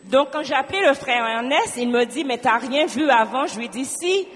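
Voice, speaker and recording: A woman's voice: high voice, expressive, moderate pace, in a large hall, a crowd in the background. A woman from Guadeloupe giving a spoken church testimony, telling her story with animation and acting out both sides of a conversation.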